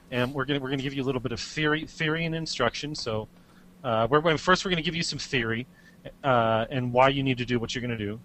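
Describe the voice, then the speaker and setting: A man presenting a sales webinar, upbeat and chatty, talking in quick bursts with frequent restarts. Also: medium pitch, fairly bright tone, slight background noise, low-quality recording.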